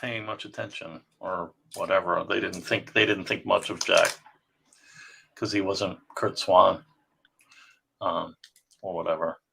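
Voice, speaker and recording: Guy with a gravelly bright voice, animated casual chat about comics. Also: deep voice, unhurried, pauses often. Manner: animated, reads comic lines aloud in funny voices. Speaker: co-host touring comic art.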